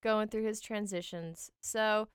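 A woman's voice: medium pitch, fairly even intonation, unhurried, a little hiss or hum. A woman co-hosting a podcast, chatting casually with many fillers and laughs. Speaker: podcast co-host. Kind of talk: casual chat.

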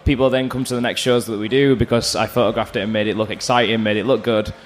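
A man's voice: lowish voice, fairly even intonation, quick pace. A man with a Bradford, West Yorkshire accent chatting casually and slangily as a guest in a live interview. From Bradford, England. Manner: informal, slangy, sweary. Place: live stage at a music festival. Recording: clear background noise, festival stage.

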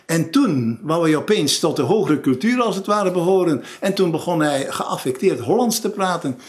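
A man's voice: on the high side, lively intonation, normal speed. A man in an interview, recalling someone in a thoughtful, hesitant way. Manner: thoughtful, hesitant, restarts words. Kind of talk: reflective interview talk.

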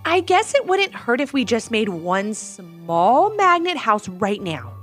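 An eager young boy on the eve of his birthday, told by a woman reader. His high voice bounces about with excitement, a little sneaky. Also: takes it slowly, slightly rough, faint music behind, exaggerated voice.

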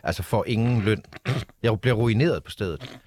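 A man's voice: on the low side, a little mellow, no room sound. A man telling a rambling story in casual chat, stumbling over his words with lots of fillers. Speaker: radio host telling a story.

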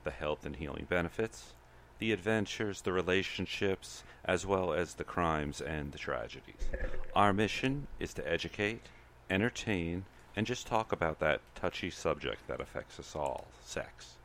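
A man co-hosts a podcast with a very low, deep voice. He speaks in a measured, announcer-like manner. A faint hiss of noise sits behind him. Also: expressive, fairly bright tone. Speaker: podcast co-host. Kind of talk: scripted show intro and casual chat.

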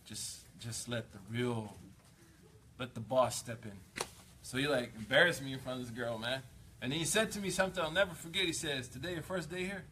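A male preacher giving a casual storytelling sermon, slangy and conversational, getting animated and louder for emphasis. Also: moderate pace, a little hiss or hum. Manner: slangy and conversational, peppered with "man" and "like"; animated, jumps up in pitch and volume for emphasis. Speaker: Islamic preacher.

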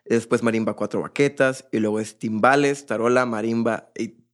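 A man's voice: mid-range voice, fairly even intonation, normal speed. Young man telling a story. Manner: chatty, rambling, with many fillers and restarts. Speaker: guest, percussionist. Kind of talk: casual interview storytelling.

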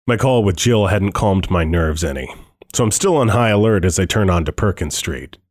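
A man with a fairly low voice narrates a first-person thriller audiobook. His telling is tense and dryly wry, like an anxious inner monologue. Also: animated, normal speed.

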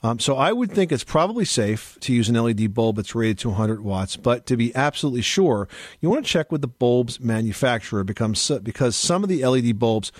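A man's voice: mid-range voice, very animated, a little fast, dry recording. Male radio advice host, close dry sound. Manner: explanatory, instructive. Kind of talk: home improvement advice and upbeat show announcing.

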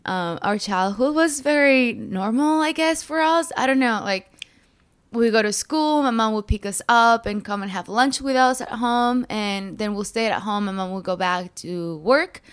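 A woman's voice: on the high side, normal speed, clean tone. A young woman from Mexico, a podcast guest, chatting casually about her childhood with many fillers. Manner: chatty, filler-heavy, laughs easily. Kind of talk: casual interview chat.

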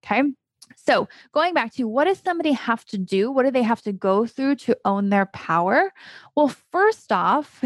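A woman who coaches hosts her own podcast, speaking alone in a casual yet emphatic way and tossing out rhetorical questions. Her voice is slightly high, and there is no echo.

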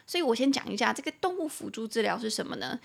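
A young woman with a Taiwanese Mandarin accent teaches English vocabulary on her podcast. Her voice sits a little high and carries a gravelly edge, and she slows right down to spell words out letter by letter and repeat them for her listeners. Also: lively intonation. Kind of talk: bilingual English lesson.

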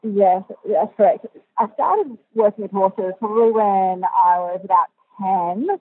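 A woman answering interview questions in a measured, thoughtful way, heard over poor, phone-like audio. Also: mid-range voice, breathy edge, no room sound. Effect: poor quality, phone-like audio. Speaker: interview guest, dressage coach and physiotherapist. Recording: muffled tinny dry phone line.

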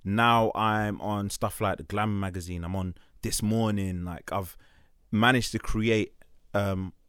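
A young man with an urban London roadman accent co-hosts a podcast full of casual, slangy, sweary banter and animated reactions. His voice is on the low side, clear and resonant, at a measured pace, and the studio recording is clean and dry.

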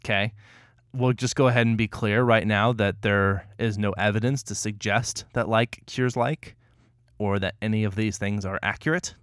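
Smooth low-voiced man explaining things. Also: fairly even intonation, normal speed, fairly bright tone, no echo, studio quality. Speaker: podcast co-host. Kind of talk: casual explanatory podcast chat.

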